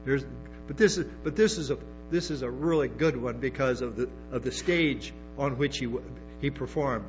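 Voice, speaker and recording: A pastor delivers a sermon to the congregation at a moderate pace in a mid-range male voice. His speech stumbles through restarts with emphatic asides tossed in, and the dull lo-fi recording picks up music and hum.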